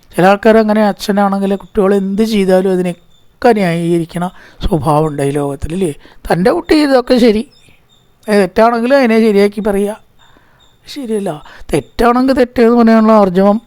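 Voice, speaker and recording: A man with a Malayali accent teaching a scripture class, chanting verses slowly and then explaining them quickly in plain speech. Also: high-pitched, a little mellow, no echo.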